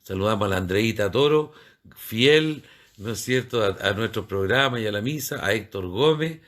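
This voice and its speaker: A man's voice: fairly low pitch, expressive, moderate pace, a bit bright. A man, a priest hosting a church program, explaining terms and greeting viewers. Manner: explanatory, spells out terms, asks rhetorical questions.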